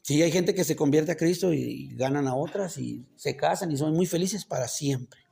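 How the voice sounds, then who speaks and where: A man's voice: a little high, moderate pace, gravelly, dark tone. A man preaching a casual sermon. He keeps quizzing the congregation with rhetorical questions and makes joking asides. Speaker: pastor. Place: church.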